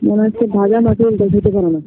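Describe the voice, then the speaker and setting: A man's voice: sits high, steady tone, racing, slight background noise. A man voicing a jealous young college girlfriend who curtly accuses her boyfriend over a tinny phone line. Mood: accusing. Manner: sharp, accusing, curt. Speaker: girlfriend in staged phone call. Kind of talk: staged phone-call drama.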